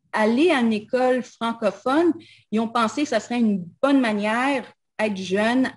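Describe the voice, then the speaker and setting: Her voice fairly high, a slow, halting woman from Montreal talks casually and personally as an invited guest speaker. English is her first language; she hesitates, uses many "euh" fillers and shifts into English.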